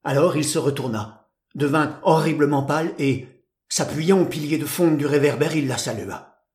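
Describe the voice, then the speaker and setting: Man narrating a classic tale, measured. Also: on the high side, a little mellow. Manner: measured, literary. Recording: roomy echo.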